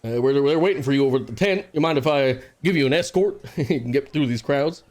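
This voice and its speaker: A man voicing a gruff middle-aged male town constable with a folksy, commanding drawl. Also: mid-range voice, animated, fast talker, a little mellow, close to an everyday voice. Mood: friendly.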